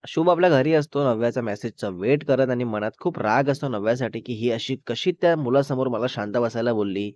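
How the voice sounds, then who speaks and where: Male narrator, mid pitch, casual serialized story read; muffled, dry audio. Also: brisk, few pauses, a little mellow, dry recording. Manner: chatty, with dramatic asides. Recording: dull, dry recording.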